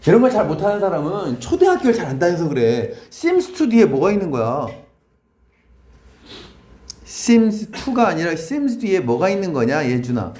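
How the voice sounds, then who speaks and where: A high-voiced man runs a brisk English grammar lesson in a reverberant classroom, firing questions at his students. He mixes Korean and English as he walks through each sentence. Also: big pitch swings, mellow. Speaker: English teacher.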